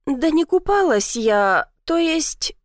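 Audiobook: woman reading a snappy indignant young woman, high bright voice. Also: big pitch swings, slow pace, dry recording, clean studio sound, heavily acted. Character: indignant sharp-tongued young city woman.

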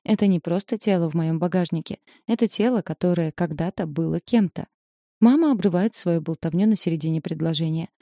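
A woman's voice: fairly low pitch, a little fast, dark tone, dry recording, studio quality. A woman reading a novel aloud in the first person, telling a tense, confessional story. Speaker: audiobook narrator.

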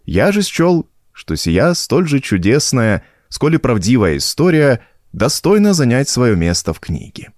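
Male narrator, expressive, dry studio read. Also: medium pitch, unhurried, few pauses, no echo. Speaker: reader. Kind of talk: audiobook narration.

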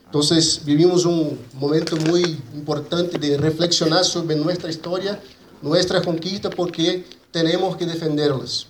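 A man with a Brazilian Portuguese accent and native Portuguese gives a conference presentation in a halting mix of Spanish and Portuguese, repeating and rebuilding his words. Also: fairly high pitch, fairly even intonation. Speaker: conference speaker for an agroecology movement. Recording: roomy echo, faint background noise.

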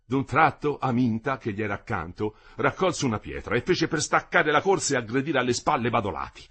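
A man reading a literary novel aloud with an expressive, dramatic delivery. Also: medium pitch, brisk, breathy edge. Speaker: audiobook reader.

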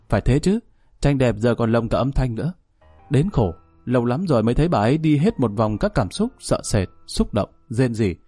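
A man's voice: medium pitch, mellow, dry recording. A man narrating a story in a wry, conversational manner.

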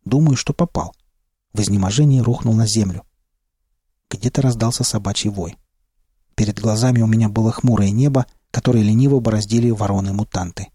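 A man narrating a first-person audiobook in a steady, low-key way. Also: fairly quick, slightly rough, dry recording, studio quality.

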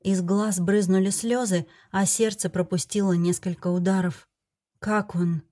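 Woman narrating an audiobook in first person, expressive, mid pitched voice. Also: moderate pace.

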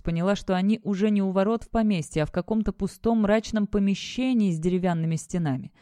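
A woman narrating an audiobook in a steady, expressive voice. Her tone is low, dark and mellow. The recording is dry and close. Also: no room sound.

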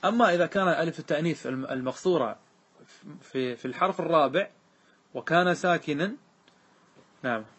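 A man's voice: on the high side, brisk, long pauses, a bit bright, breathy edge. A man teaching a grammar lesson, patiently repeating examples and checking that his students follow. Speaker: teacher explaining Arabic grammar. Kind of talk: classroom lesson on a grammar poem.

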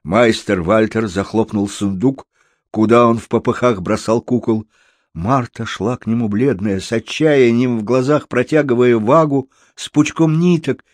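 Man reading a storybook out loud, very dry close mic, plays all the characters. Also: mid-range voice, measured pace, dry recording. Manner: lively, switching into character voices. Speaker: narrator.

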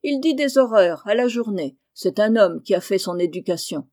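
A woman reading an audiobook voices a gruff, sharp-tongued elderly aunt who talks in a scolding, curt way. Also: mid-range voice, lively intonation, moderate pace, lightly acted.

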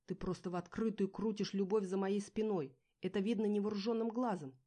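A woman's voice: medium pitch, a little fast, warm tone, pitched above the performer's own voice, natural voice. Woman reading as a sneering jealous husband. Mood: angry. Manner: scolding, sneering. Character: angry jealous husband, adult man, contemptuous.

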